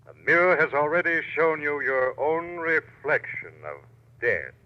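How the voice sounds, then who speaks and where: An actor playing a sinister, mocking invisible avenger in a slow, theatrical 1940s radio mystery style, through a filter. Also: male voice, a little high, very animated. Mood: accusing, taunting. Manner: slow, taunting, theatrical delivery. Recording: muffled old radio recording.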